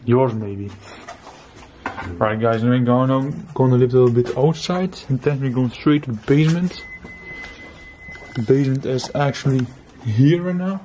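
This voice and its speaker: A man's voice: mid-range voice, normal speed, dark tone. Man vlogging through abandoned house, noisy audio. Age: 20s. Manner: exclamatory slangy talk, often addressing viewers. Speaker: urban exploration vlogger. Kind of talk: casual night exploration vlog. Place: empty rooms and basement of an abandoned house. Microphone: handheld camera at arm's length.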